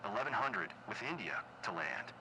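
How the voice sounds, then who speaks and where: A man's voice: lowish voice, very animated, normal speed. A man reading back clipped pilot radio calls, heard through a cockpit headset. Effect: pilot radio call heard through a cockpit headset. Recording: noisy, distant radio transmission.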